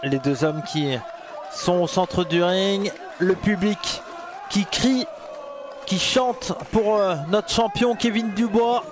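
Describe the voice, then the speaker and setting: A man's voice: sits high, slow. A man doing live wrestling commentary, exclaiming and repeating words for emphasis. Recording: music and crowd noise behind. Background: music and wrestling crowd.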